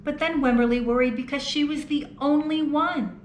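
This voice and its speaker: A woman reads a picture book aloud for young children, stopping to ask them questions. Her voice sits fairly high and expressive. The sound is roomy with a faint hiss beneath it. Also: normal speed. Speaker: children's storytime reader. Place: children's museum. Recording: roomy echo, faint background noise.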